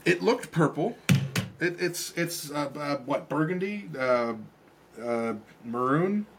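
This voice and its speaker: A man's voice: a little high, animated, slow pace, a little hiss or hum. A man co-hosting a casual live stream, chatting and joking in a rambling way with frequent restarts. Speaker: co-host.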